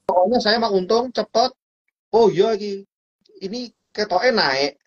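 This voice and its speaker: A man with a high, husky, slightly breathy voice talks as a guest speaker about stock trading in a relaxed, chatty explanation at a moderate pace. Animated and playful, he acts out little scenes with sound effects. The audio sounds dull and lo-fi.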